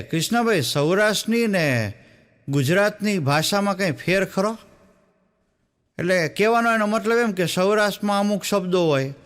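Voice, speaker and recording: High-voiced man telling jokes. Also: a bit bright. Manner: storytelling in quoted voices, with the audience laughing along; tosses quick asides to the crowd. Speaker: stand-up comedian. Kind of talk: Gujarati folk comedy storytelling on stage.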